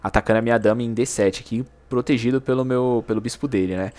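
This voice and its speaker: A man walks through a chess game move by move. He talks in a casual, slangy way and gets animated over mistakes and tactics. His pitch sits at a middle level for a man. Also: fast. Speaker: chess YouTuber. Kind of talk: game analysis commentary.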